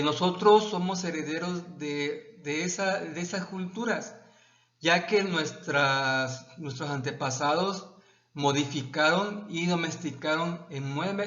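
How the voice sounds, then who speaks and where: A male Mexican history teacher explaining a textbook lesson to his students, pausing and restarting his phrases. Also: fairly high pitch, fairly bright tone. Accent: Mexican Spanish. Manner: halting, repeats words and restarts, addresses students as "jóvenes". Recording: echoey, dull lo-fi room sound.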